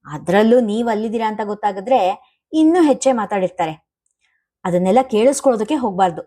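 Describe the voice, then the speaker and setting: A woman's voice: mid-range voice, lively intonation, fast, lightly acted. A woman doing a worried older wife. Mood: anxious. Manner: soft, anxious pleading.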